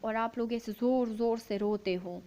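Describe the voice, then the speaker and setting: A woman teacher reads a children's story to a class in a raised, slightly high voice, drawing each phrase out slowly and saying it twice so small pupils can follow with a finger. Between readings she stops to ask the class simple questions and answers them herself. The recording sounds dull and lo-fi. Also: fairly even intonation, mellow. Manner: slow, syllable-by-syllable reading, repeating each line for pupils to follow. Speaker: primary school teacher. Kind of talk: reading a story aloud and explaining it to young children.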